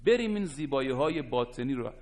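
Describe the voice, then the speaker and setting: A man giving a religious sermon, shifting between loud, emphatic declaiming and hushed, slow recitation of verse. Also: medium pitch, animated. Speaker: preacher.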